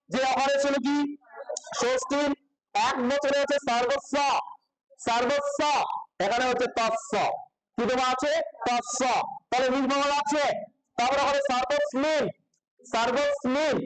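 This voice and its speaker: A man's voice: extremely high pitch, fairly bright tone, rough recording. A man teaching a grammar lesson to a class in style speech, constantly asking questions and repeating the answers.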